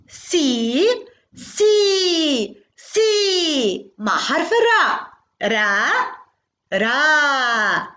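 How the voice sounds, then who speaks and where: A woman teaching a phonics lesson to young children, sounding out syllables in slow, sing-song repetition. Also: sits high, fairly bright tone. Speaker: kindergarten teacher.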